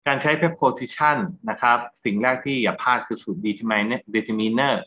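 A man's voice: medium pitch, a little slow, fairly bright tone, dull audio. A Thai-accented man teaching English grammar in a lecture, going through exam answers and checking understanding with rhetorical questions.

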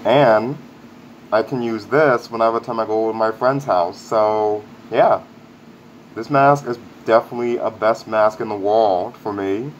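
A man's voice: lowish voice, steady tone, unhurried. A man speaking through a face mask in a casual, rambling vlog review, upbeat and repeating himself. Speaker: product reviewer. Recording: dull lo-fi audio with faint air conditioning hum.

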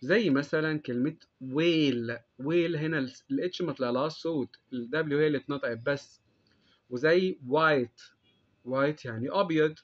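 A man with an Egyptian Arabic accent explaining a recorded English lesson for young children, slow and patient, drawing out each English word. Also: fairly high pitch. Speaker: English teacher. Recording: dull lo-fi sound.

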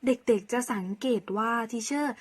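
A woman teacher from Thailand leading a phonics lesson for young children, sounding out each letter slowly and clearly and cheering them on. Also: a little high. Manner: slow, clearly sounded-out model pronunciations; encouraging teacher talk to young pupils. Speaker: English teacher.

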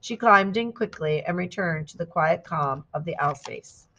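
A woman reading a children's picture book aloud as scripted narration, steady and clear, lifting her voice for shouted quotes. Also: lowish voice, normal speed, lo-fi sound. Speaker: storybook reader.

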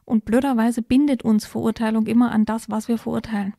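A woman co-hosting a podcast, calmly explaining step-by-step advice in a casual conversation. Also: a little high, brisk, vocal fry, no room sound, studio quality. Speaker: podcast co-host explaining parenting topics.

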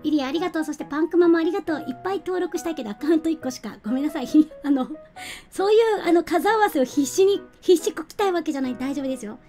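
A young woman chats with her viewers in a high, bright voice, laughing often and thanking them by name. She talks at a desk mic while faint music plays behind her. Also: rapid-fire. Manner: chatty, giggly, reads out and thanks viewers. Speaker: game streamer. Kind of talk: casual live-stream chat.

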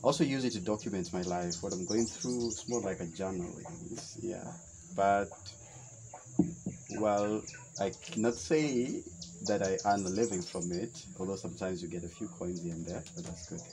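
A young Kenyan man talks outdoors on a veranda in a deep, low voice. He is reflective and halting, and often restarts his sentences. Faint insects and birds hum behind him. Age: young adult. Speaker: interview guest. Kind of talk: relaxed outdoor conversation. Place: shaded veranda by a wetland, outdoors.

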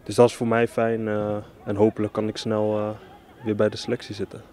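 A man's voice: lowish voice, monotone, a little fast, mellow. A young man, a footballer, answering interview questions hesitantly with many fillers.

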